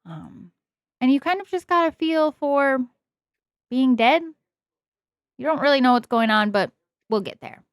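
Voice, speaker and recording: A woman running a tabletop game as game master, narrating in a relaxed, meandering way with many pauses. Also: high voice, smooth, no room sound, clean studio sound.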